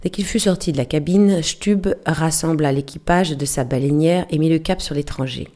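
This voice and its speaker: A woman reading a novel aloud as audiobook narration, steady and measured. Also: sits low. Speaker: audiobook reader. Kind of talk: scripted narration.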